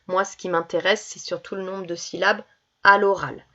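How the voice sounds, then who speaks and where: A woman's voice: lowish voice, fairly even intonation, moderate pace, a bit bright, lo-fi sound. A woman teacher explains worksheet exercises to young children, carefully stretching out each word for dictation. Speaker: schoolteacher.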